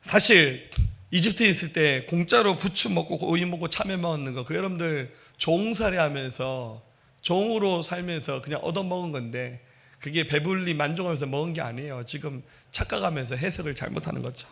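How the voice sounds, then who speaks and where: Gravelly-voiced Korean pastor preaching. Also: male voice, a little high, fairly quick. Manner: animated storytelling preaching, acting out quoted voices; addresses congregation directly. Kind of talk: sermon.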